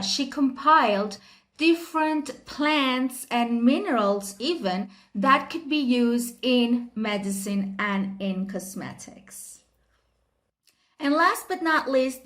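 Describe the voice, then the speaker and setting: A woman hosting a history video, explaining things in a chatty way with quick asides and light laughs. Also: on the high side, a bit bright. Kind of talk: casual educational explainer.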